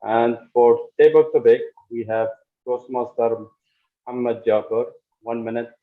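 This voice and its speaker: Male meeting timer, monotone list-like report, thin telephone-quality sound. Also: mid-range voice, a little slow. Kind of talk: formal timing report.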